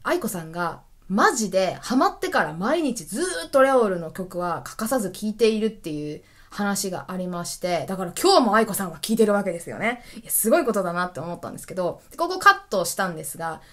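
A woman's voice: medium pitch, fast talker, few pauses. Enthusiastic woman hosting a web radio show. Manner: lively, enthusiastic, laughs often. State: stuffy nose. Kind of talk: solo casual radio talk.

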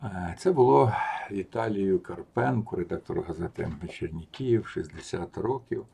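A man telling a personal anecdote in a casual, animated way, mocking its subject and rising loud at the punchlines. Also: deep voice, moderate pace, creaky, breathy edge. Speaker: storyteller recounting a personal anecdote. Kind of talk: casual spoken storytelling.

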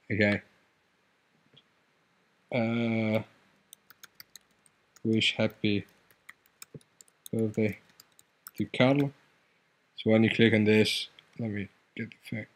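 A man hosting a screen-recorded coding tutorial, explaining his app in a loose, hesitant way with many fillers and restarts. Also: on the low side.

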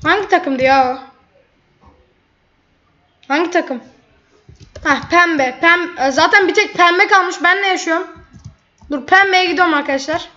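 High-voiced woman gamer, lo-fi mic. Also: a little slow, long pauses, pushed and bright. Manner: chatty, blurts out frustration at opponents. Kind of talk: live gameplay commentary. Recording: dull lo-fi mic.

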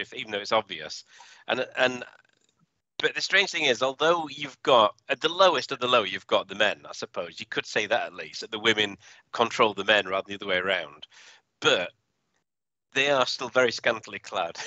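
A man's voice: medium pitch, normal speed, bright, forceful tone, no room sound. A man co-hosting a podcast in an easygoing way who laughs often. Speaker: podcast co-host. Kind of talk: casual chat. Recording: dry, dull lo-fi podcast audio.

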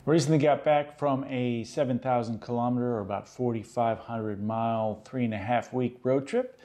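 A man in his fifties from Australia, hosting a casual gear vlog and chatting in a relaxed way with lots of "uh"s, recorded at a table in a small room. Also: medium pitch, moderate pace, slight background noise. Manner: relaxed, chatty, many "uh" fillers. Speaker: host. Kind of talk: casual show-and-tell vlog.

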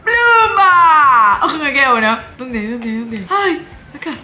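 A young woman with an Argentine accent, commenting on her own gameplay, muttering softly while she plays and breaking into high shrieks. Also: animated, measured pace, soft background music. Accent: Argentine Spanish. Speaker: gaming YouTuber.

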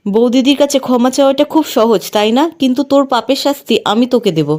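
A stern elder brother reproaches his sibling, read out by a woman in her own high voice. The anger sits in the words more than the voice. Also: fairly quick, a little mellow, natural voice. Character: stern angry elder brother, a grown man.

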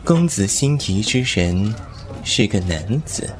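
A man narrates as a fox spirit painter, the lead of a Chinese audio drama, over background music. His lowish voice is very animated yet slow, languid and wry, teasing with soft laughs, and there's a little hiss or hum.

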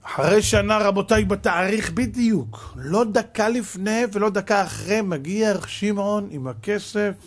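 A male rabbi preaching in a fairly high, husky voice. He tells parables dramatically, with lots of vocal play and sudden shifts in force. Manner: dramatic storyteller, acting out parables. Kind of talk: sermon.

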